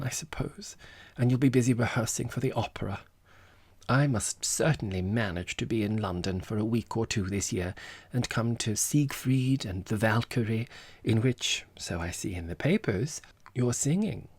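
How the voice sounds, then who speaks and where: A man's voice: fairly low pitch, creaky, slightly rough, no room sound, exaggerated voice. A man voicing an affected, self-important society woman in an audiobook, with airy, theatrical phrasing and Italian endearments. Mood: coaxing. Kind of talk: audiobook character voice.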